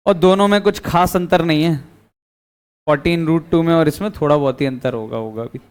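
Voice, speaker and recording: This physics teacher has a clear, resonant male voice on the high side and talks a little fast. In his classroom lecture he quizzes the students and then gives the answers himself.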